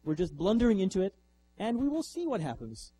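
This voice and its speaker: A man giving a lively, conversational lecture as an author, often posing rhetorical questions to the audience. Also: high voice, a little fast, a little hiss or hum, poor audio. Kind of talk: lecture with slides.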